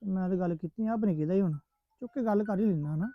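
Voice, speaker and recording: A man's voice: sits high, rapid-fire, no echo. A man chatting in an easygoing, plain-spoken way in a family vlog drama. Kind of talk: casual Punjabi family vlog acting. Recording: slightly dull, lo-fi sound.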